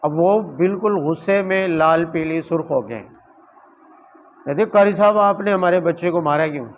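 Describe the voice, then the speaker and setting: A man delivers a Quran commentary sermon in a high-pitched voice. He talks to his listeners conversationally, asking rhetorical questions and telling stories from his own teaching. A faint hum of noise sits behind him. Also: low-quality recording.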